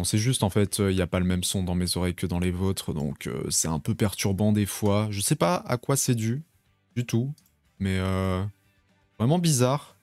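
Young guy streaming from his room, rambly chat with viewers, kinda low voice, dry sound. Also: a little mellow, dry recording. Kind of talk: casual live stream chat. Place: home bedroom.

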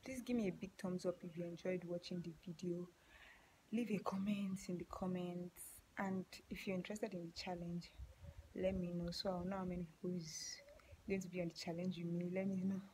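A woman with a Nigerian accent, out of breath after exercise, chatting playfully to her viewers and often dropping to a breathy half-whisper. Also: fairly low pitch, mellow, slight background noise, poor audio. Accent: Nigerian English. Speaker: vlogger. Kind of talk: casual chat to camera.

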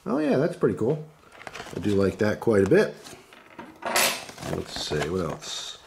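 A man with a hoarse, congested voice from the flu, casually reviewing gear in a laid-back, chatty way. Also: fairly low pitch, huge pitch swings, unhurried, background noise. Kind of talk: casual unscripted product commentary. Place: indoors at a wooden table.

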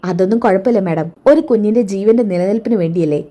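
A woman's voice: mid-range voice, fast talker, mellow, close to an everyday voice. A woman voicing a man who earnestly explains what he knows.

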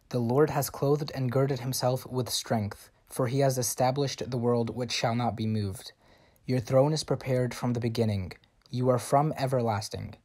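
A man reads scripture aloud during a church prayer service. His delivery is slow and measured, close to a chant, at a middling pitch. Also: warm tone. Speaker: church reader. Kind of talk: liturgical scripture reading.

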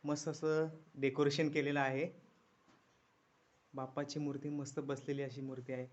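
A man's voice: mid-range voice, little pitch movement, moderate pace. A man from the Konkan region narrates his vlog as he walks outdoors through a rainy village. He sounds upbeat and keeps praising the sights in a casual way. His mid-range voice comes through a handheld phone and sounds dull and lo-fi. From Konkan, India. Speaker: vlogger. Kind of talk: casual walking tour narration.

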